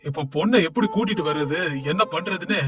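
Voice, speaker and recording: A man's voice: sits high, quick pace, natural voice. An actor playing a middle-aged father who talks earnestly about his family in a cartoon dub. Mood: remorseful. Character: remorseful middle-aged father, proud and then contrite.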